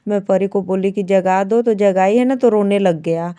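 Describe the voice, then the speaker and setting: A woman's voice: mid-range voice, moderate pace, mellow, clear, resonant tone, no echo. A woman, chatting homely to viewers through her daily-routine vlog. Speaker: vlogger, housewife.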